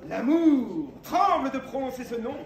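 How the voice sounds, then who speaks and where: A man's voice: high-pitched, animated, moderate pace, fairly bright tone. A man on stage playing a grandiose, lovesick, fervent knight, declaiming in a hammy theatrical manner. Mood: reverent, exalted. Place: live theatre show, far from mic. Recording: distant, echoey, noisy live performance recording.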